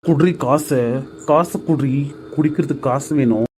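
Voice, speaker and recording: Woman doing a rough drunk bully of a husband, dark mellow tone, faint hiss behind, cartoon story voice. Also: very deep voice, moderate pace, voice pushed down. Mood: menacing. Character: drunken, violent husband demanding money.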